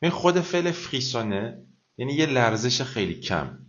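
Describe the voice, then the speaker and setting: A man teaching a live online vocabulary lesson, chatting in Persian and slowly repeating phrases for pronunciation practice. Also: medium pitch, very animated, lo-fi sound. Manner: slow, careful pronunciation drills, repeating each phrase; explains in conversational Persian, mixing French and English phrases. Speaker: French teacher.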